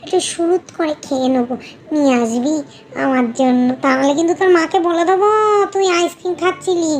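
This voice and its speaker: A woman's voice: sits high, a little fast, darkish tone, lightly acted. A woman voicing a fussy middle-aged female ghost with a toothache in a cartoon. She sounds whiny and bossy, and she bargains to get her way. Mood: wheedling. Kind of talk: cartoon voice acting.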